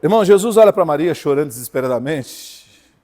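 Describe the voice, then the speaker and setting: A man's voice: a little high, lively intonation, a little fast, a little mellow. A man with a Brazilian accent preaching a sermon in church, emphatic and full of rhetorical questions to the congregation. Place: church hall. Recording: reverberant church hall.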